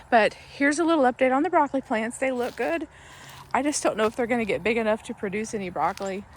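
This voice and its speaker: A gardening channel host vlogs outdoors, holding her phone as she films and chats. Her medium-pitched voice is slightly raspy from a sore throat, and she rambles chattily with plenty of ums.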